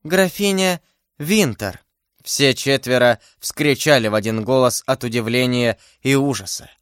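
A man narrating a classic novel aloud as an audiobook, in a steady, measured voice. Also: mid-range voice, clear, resonant tone, no room sound, clean studio sound. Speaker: reader.

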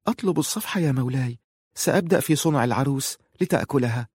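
A man voicing a shy, lovesick eighteen-year-old girl who speaks softly and pleads. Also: medium pitch, animated, fast, slightly rough, no echo, studio quality, pitched above the performer's own voice. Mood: tender, pleading. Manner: soft, pleading, tender.

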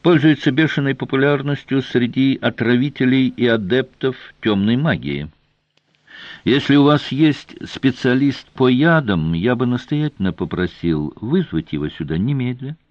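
A man's voice: mid-range voice, lively intonation, dry recording, muffled recording, natural voice. A man doing a shrewd, ornately polite guardian. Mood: warning. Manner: elaborately polite, measured.

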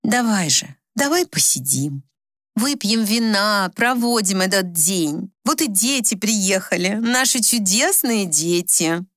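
A woman voicing a manipulative middle-aged wife who talks in a shrill, theatrical way in an audiobook story. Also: expressive, fairly bright tone, no echo, studio quality. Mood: wheedling. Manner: shrill, theatrical, drawn-out wheedling.

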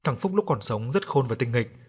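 Husky-voiced man telling a ghost story. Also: medium pitch, lively intonation, brisk, darkish tone. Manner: acts out a grieving mother's pleading in raised voice. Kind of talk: scripted ghost story narration. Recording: faint music underneath.

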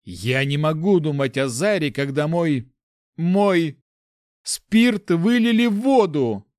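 A man voicing a grumpy, hard-drinking male paladin who is quick to anger, in a storybook reading. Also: mid-range voice, animated, no echo, studio quality, pitched above the performer's own voice, natural voice. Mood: furious.

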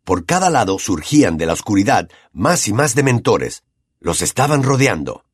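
Husky, lively male audiobook narrator. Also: fairly low pitch, moderate pace, no room sound, studio quality. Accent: Latin American Spanish. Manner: expressive, dramatic storytelling.

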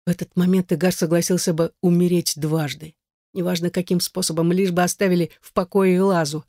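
An audiobook narrator with a mid-pitched voice, reading in a measured, dramatic way. The sound is dry and close. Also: flat delivery, darkish tone, no room sound.

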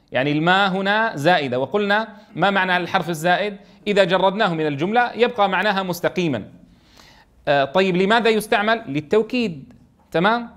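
Male tajweed teacher, raised pitch, patient, demonstrates slowly and checks in often. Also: fairly bright tone. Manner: keeps checking understanding, slowly draws out sounds to demonstrate. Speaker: Quran recitation teacher. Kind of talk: explaining a tajweed text in class.

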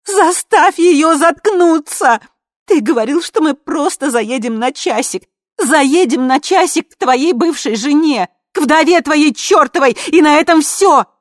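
A woman's voice: high voice, lively intonation, measured pace, no echo, studio quality, pitched above the performer's own voice. A woman voicing a dead sixteen-year-old girl who screams, cries and swears in a storybook. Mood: shrieking rage. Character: dead teenage girl, shrieking and furious.

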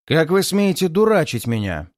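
Man voicing a brisk police inspector. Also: fairly high pitch, big pitch swings, a little mellow, dry recording, studio quality. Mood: indignant. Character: stern middle-aged male police inspector.

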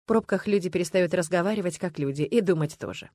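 A woman narrating a novel in an even, measured reading. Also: on the low side, no echo, studio quality. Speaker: audiobook narrator. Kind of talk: scripted narration.

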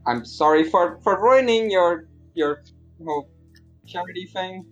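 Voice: medium pitch, a little slow, lo-fi sound, faint music behind, natural voice. A player voicing a regretful retired male celebrity who stammers and hesitates. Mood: hesitant regret.

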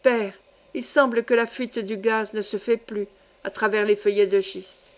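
A woman's voice: mid-range voice, steady tone, measured pace, close to an everyday voice. A woman reading the part of a young miner, speaking earnestly and emphatically. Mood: tense.

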